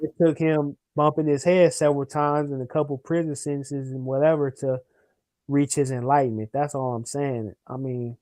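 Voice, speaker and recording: A man's voice: mid-range voice, fairly even intonation, moderate pace, a little mellow, no echo, low-quality recording. A young man in a casual talk, earnest and preachy, rambling a little and using plenty of slang. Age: young adult. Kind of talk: casual discussion.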